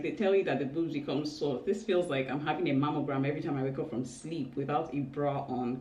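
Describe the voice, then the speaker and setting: A woman in her thirties talking casually and confessionally to vlog viewers, candid and emotional, with halting speech and small exclamations. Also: low voice, dark tone. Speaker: vlogger. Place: indoors in a home room. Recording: roomy, distant mic, faint noise.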